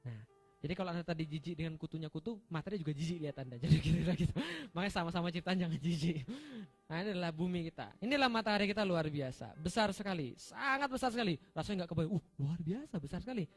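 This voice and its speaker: A man's voice: a little high, racing, soft background music. A young man giving a humorous sermon, quizzing his audience and laughing at his own jokes. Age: young adult. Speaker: preacher.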